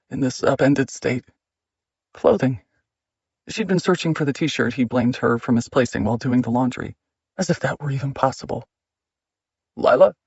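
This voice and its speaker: Gravelly male audiobook narrator. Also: fairly high pitch, a little mellow, dry recording, lo-fi sound. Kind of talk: scripted narration.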